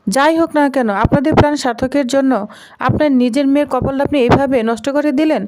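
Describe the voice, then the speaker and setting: Brief: a woman playing a reproachful aunt, scolding, high voice. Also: steady tone, fast, a little mellow, slight background noise, close to an everyday voice. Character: reproachful middle-aged aunt.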